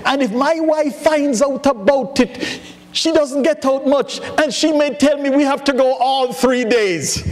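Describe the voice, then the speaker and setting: A man's voice: very high-pitched, a little slow, big-room sound, voice pushed up. A man voicing a busy farmer in a joke he tells from the pulpit, answering everything in a plain, literal, matter-of-fact way. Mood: deadpan.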